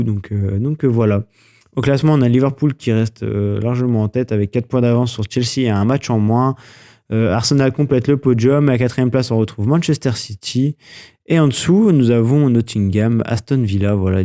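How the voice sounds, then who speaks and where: A man's voice: medium pitch, dark tone. Chatty man hosting a sports roundup. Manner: chatty, hesitant, many fillers and self-corrections. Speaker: sports news podcast host. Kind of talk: casual sports news roundup.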